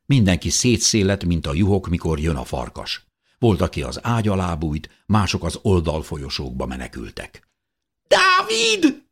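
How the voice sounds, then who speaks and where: Very deep, husky male audiobook narrator. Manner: tense, expressive storytelling. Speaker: audiobook reader. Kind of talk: first-person audiobook narration.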